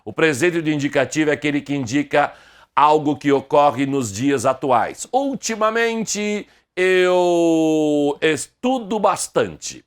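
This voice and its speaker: Slow, deliberate man teaching grammar. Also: on the high side, expressive. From Brazil. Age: middle-aged. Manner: slow, deliberate, with many rhetorical questions. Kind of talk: online grammar lesson.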